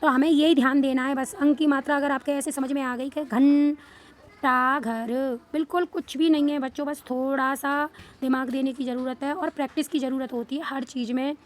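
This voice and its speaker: A woman teaching small children to read, patiently repeating questions and stretching out sounds slowly. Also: sits high, fairly even intonation. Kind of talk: Hindi reading lesson for children.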